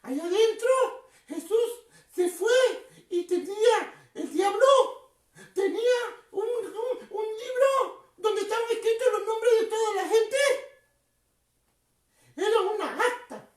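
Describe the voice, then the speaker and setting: Very high-voiced giggly woman clown preacher. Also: slow, a little mellow, roomy sound, recorded from a distance. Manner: sing-song, giggly and teary, repeats words, asks children questions. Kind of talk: children's Bible storytelling.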